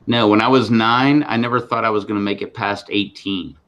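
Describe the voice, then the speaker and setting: A man in his forties with a lowish voice, chatting casually with friends. He tells stories and teases the others in a dry, easygoing way. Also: steady tone, a little fast, fairly bright tone, highs cut off. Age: 40s. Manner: dry, teasing, storytelling. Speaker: co-host. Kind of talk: casual chat among friends.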